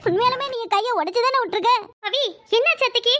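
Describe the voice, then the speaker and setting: A woman voicing a meek young new bride in a cartoon, speaking softly and pleadingly. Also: extremely high pitch, quick pace. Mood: worried. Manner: soft, pleading. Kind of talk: cartoon voice acting.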